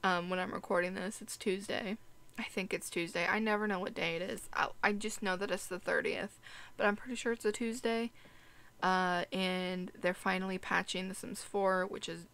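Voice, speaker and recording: A young woman chats her way through a life-sim game, rambling and talking to the characters on screen. Her voice is bright and sits at a middle pitch. She records at home on a desk mic, wearing headphones. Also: steady tone, normal speed, smooth. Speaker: gaming YouTuber. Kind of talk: casual gameplay commentary. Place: home room.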